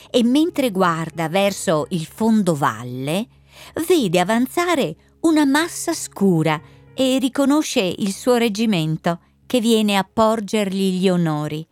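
A woman narrating in a calm, solemn way. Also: mid-range voice, no room sound. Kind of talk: scripted narration over music.

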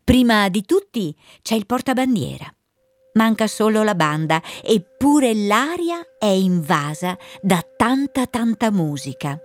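A woman narrating in a calm, solemn way. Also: mid-range voice, unhurried, dry recording. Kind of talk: scripted narration over music.

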